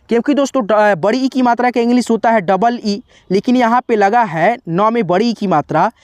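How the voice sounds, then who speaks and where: A male teacher with a very high-pitched voice gives a slow, patient tutorial on spelling at a board, with a dry, close sound and no echo. He repeats himself, spells letters out one at a time, and keeps calling his viewers friends.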